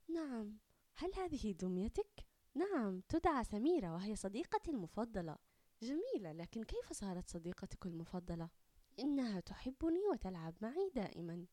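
A woman voicing a shy schoolgirl who speaks softly and sounds childlike. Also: medium pitch, very animated, fairly quick, no echo. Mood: sad. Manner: soft-spoken, childlike. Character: shy dark-skinned schoolgirl.

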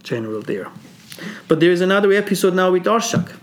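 A man co-hosting a casual talk, telling a history story in an animated way, with frequent laughter and many fillers. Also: sits high, quick pace. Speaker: co-host.

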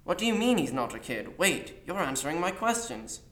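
A man's voice: fairly high pitch, very animated, normal speed, fairly bright tone, reverberant, voice pushed up. A man voicing a confused kidnapped schoolboy who keeps asking anxious questions. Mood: bewildered.

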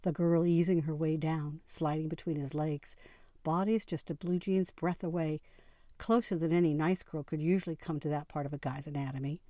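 A woman narrating a first-person novel in an intimate, expressive storytelling manner. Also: low voice, dry recording, studio quality. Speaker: audiobook narrator.

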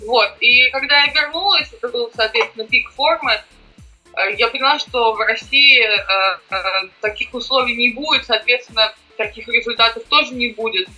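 A woman's voice: on the high side, normal speed, pushed and bright, faint music behind, poor audio. A young woman answering interview questions casually, with a slushy, sh-like s from braces. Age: young adult. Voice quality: slushy lisp from new braces, sh-like s. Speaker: podcast guest, amateur triathlete and former swimmer.

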